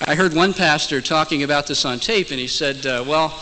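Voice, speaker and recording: Guy preaching a sermon, kinda high voice, echoey church, faint hiss on the tape. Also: brisk, pushed and bright. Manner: storytelling, humorous. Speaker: pastor. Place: church in Hong Kong.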